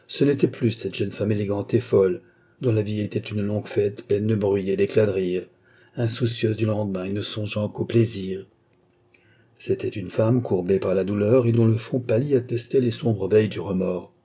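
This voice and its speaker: A man narrating a classic novel as an audiobook in a steady, dramatic storytelling manner. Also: on the low side, breathy edge. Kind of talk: scripted narration.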